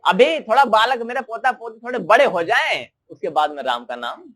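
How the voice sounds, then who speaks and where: A man's voice: sits high, animated, normal speed, fairly bright tone, pitched above the performer's own voice. A man voicing a male dog, a reborn grandfather, who pleads that he must keep guarding his grandchildren in a spoken religious story. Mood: pleading.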